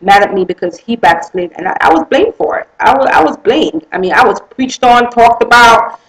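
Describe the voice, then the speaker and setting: A woman's voice: on the high side, lively intonation, brisk, rough recording. A woman telling her own life story as an earnest, emotional testimony, repeating phrases for emphasis and running her sentences together. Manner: speaks in loose run-on sentences with many "I mean" and "you know". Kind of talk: personal testimony, casual spoken storytelling.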